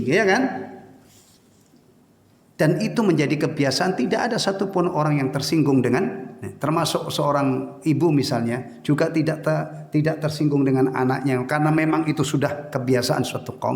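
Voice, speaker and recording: Gravelly ustaz in an echoey prayer hall. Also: male voice, on the high side. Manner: conversational, asks the audience rhetorical questions. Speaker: ustaz teaching a Islamic study session. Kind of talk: informal sermon with Q&A. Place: prayer room after evening prayer. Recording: echoey hall with long reverb.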